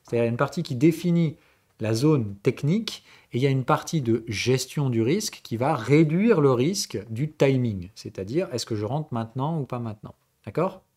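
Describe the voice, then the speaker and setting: A man from southern France hosts a live-streamed trading lesson and answers questions from the chat as they come up. His voice sits in a middle pitch. He explains in a relaxed, conversational way and keeps stopping to check that the audience is following. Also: moderate pace, breathy edge. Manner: conversational tutoring, mixing formal and familiar address. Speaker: trading instructor and stream host.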